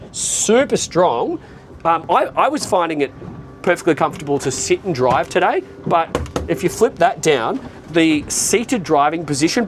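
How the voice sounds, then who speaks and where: A man giving a casual, upbeat guided tour, chatty and pointing out features as he goes, outdoors on a boat in an open bay, now and then clearing his throat. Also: fairly high pitch. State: occasional throat clearing after a recent flu. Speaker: boat reviewer presenting a walkthrough.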